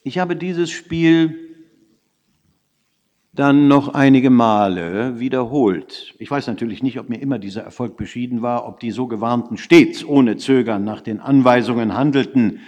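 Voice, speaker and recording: A man narrating a literary story in the first person, measured, hushed and intent. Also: mid-range voice, dull audio. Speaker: audiobook reader. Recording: long reverb.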